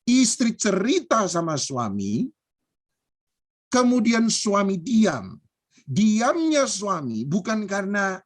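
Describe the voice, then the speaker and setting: A man preaching a humorous sermon as a pastor, joking and repeating phrases for emphasis. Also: sits high.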